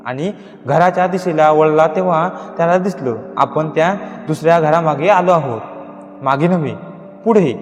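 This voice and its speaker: A man narrating a horror story in a measured, descriptive reading. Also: fairly high pitch, darkish tone. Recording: echoey reverberant room, faint music.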